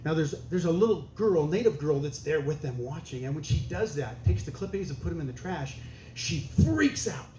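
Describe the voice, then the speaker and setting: Man doing stand-up, deadpan storytelling, slightly high voice, echoey club room, faint hiss. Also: fairly quick, few pauses. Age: older. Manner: deadpan, conversational, punchy delivery. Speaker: stand-up comedian. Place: comedy stage before a laughing audience.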